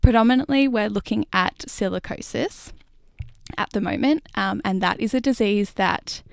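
A woman's voice: medium pitch, normal speed, vocal fry, dry recording, clean studio sound. A young woman researcher being interviewed, explaining things informally in plain words. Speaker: PhD researcher, interview guest.

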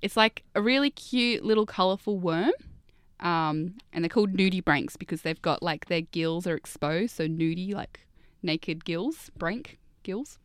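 A woman's voice: lowish voice, a little slow, clear, resonant tone, no echo, clean studio sound. A young woman researcher explaining things as an interview guest in an informal, enthusiastic way. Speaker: guest researcher, PhD candidate. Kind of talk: casual interview chat, explaining.

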